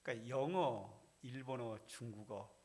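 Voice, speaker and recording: A man's voice: moderate pace, darkish tone. A middle-aged man delivers a Sunday sermon from a church pulpit. His voice sits in an ordinary middle register. He explains scripture step by step and acts out the quoted speakers with sudden rises. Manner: expository preaching, dramatizing quoted voices with pitch jumps. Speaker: senior pastor. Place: church sanctuary.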